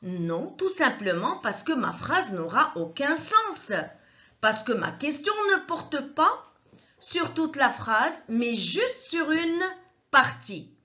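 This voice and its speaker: A woman teaches a grammar lesson at an unhurried pace. She repeats each point methodically, and her high voice swings widely in pitch. The recording is dull and lo-fi. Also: very animated, pushed and bright. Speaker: French teacher.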